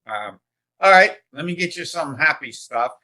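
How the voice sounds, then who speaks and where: A man's voice: on the high side, lively intonation, normal speed, pushed and bright, rough recording. A man hosting a podcast interview, chatty and joking, often apologizing. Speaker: podcast host. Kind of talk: casual interview chat.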